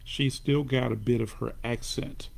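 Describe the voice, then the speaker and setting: Gravelly radio host man, teasing. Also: mid-range voice, measured pace. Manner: relaxed, teasing, conversational. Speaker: judge hosting a radio talk show. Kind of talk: radio interview. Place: radio studio.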